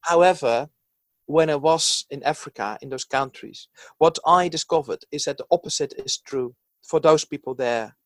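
A psychologist from the Netherlands, speaking with a Dutch accent, appears as an interview guest and offers his views in an earnest, reflective way. His voice is fairly high for a man, and he keeps a moderate pace. The sound is dry with no room or echo.

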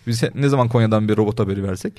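A man co-hosting a casual podcast, joking and teasing his co-host in quick banter. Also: on the low side, a little mellow, dry recording. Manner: fast, joking, playful teasing.

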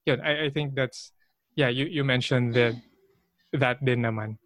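A young Filipino man hosts a relaxed interview, hesitating and restarting as he frames his questions. His voice sits at an ordinary pitch and sounds dry and close, with no room around it. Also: no room sound. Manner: halting, filler-heavy, friendly. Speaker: host asking questions. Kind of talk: casual interview mixing English and Tagalog.

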